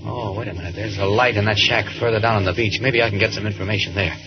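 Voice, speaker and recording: An actor playing a mild, polite but persistent reporter in a radio drama, questioning hesitantly or thinking aloud. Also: male voice, lowish voice, fairly even intonation, fast talker, over loud music, lightly acted. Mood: puzzled, musing. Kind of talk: 1940s radio acting. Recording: muffled vintage radio recording.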